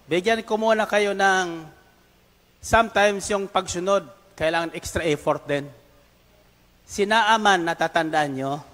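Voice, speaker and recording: A man's voice: sits high, unhurried, fairly bright tone. A male preacher speaking emphatically and rallying his congregation with call-and-response. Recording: long reverb of a large hall.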